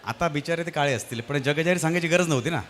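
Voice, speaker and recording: A man doing stand-up comedy on stage at a live event, telling an animated story and acting out its voices. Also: fairly high pitch, fast, slight background noise. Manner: animated, acts out the voices in his stories.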